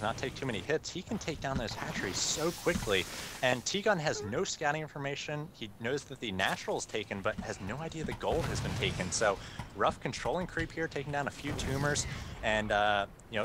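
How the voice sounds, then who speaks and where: Relaxed male caster with a noisy mic. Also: mid-range voice. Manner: relaxed, chuckling, thinks aloud with many fillers. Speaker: esports caster. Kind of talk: live game commentary.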